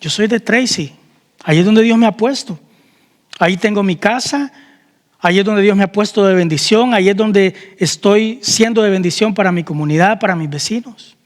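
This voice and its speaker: A man's voice: high voice, normal speed, long reverb tail. A man preaching a sermon as pastor, asking the congregation questions and calling out amen. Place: church hall.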